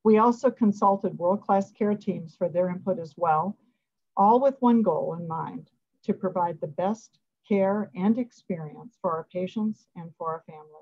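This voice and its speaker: A middle-aged woman, a hospital president, giving prepared remarks at a media briefing over a video call from an office, measured and formal. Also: on the low side. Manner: measured, formal, reading from notes. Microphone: video call webcam. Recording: dull lo-fi video call audio.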